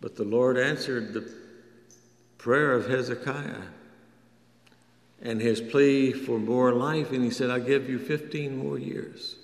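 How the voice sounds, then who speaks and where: A man preaches at an unhurried, measured pace, drawing out the stories and giving the prayers and quoted words voices of their own. His voice rings through a large hall with a long, trailing echo. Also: steady tone. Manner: slow, storytelling, acts out prayers and quotes with rising pitch. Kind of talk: sermon. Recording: echoey hall with long reverb.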